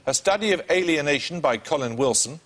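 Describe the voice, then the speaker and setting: Dry, crisp quizmaster man. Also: a little high, lively intonation, fairly bright tone. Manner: crisp, dry and wry, briskly authoritative. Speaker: quiz show host. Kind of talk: reading quiz questions in a studio. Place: television studio.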